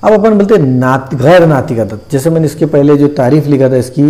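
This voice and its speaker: Guy teaching maths, warm low-key voice, asks himself questions then answers, says the numbers over slowly. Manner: explains step by step, asks and answers his own questions; repeats terms and numbers slowly. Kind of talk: classroom-style video lesson.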